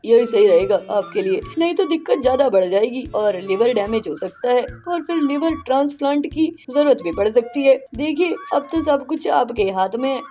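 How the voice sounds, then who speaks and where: A voice actor playing a calm male bird doctor in a cartoon, giving advice. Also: extremely high pitch.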